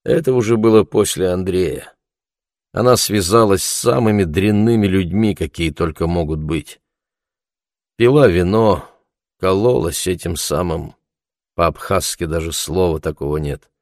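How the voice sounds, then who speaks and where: Deep-voiced man narrating an audiobook. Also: a little mellow, dry recording, studio quality. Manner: measured, reflective.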